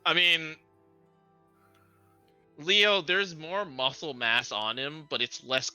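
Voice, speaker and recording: A man's voice: fairly high pitch, steady tone, sharp tone, clean tone, faint music behind. A man running a tabletop role-playing game as game master, narrating scenes with frequent laughs and restarts. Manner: laughs often, halting restarts.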